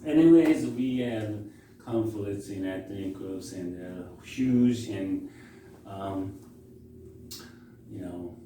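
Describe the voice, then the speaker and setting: A man from South Korea, speaking English with a Korean accent, gives a conversational university lecture full of anecdotes and halting restarts. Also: low voice, dark tone. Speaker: professor. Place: lecture room. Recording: echoey room, far from mic, faint noise.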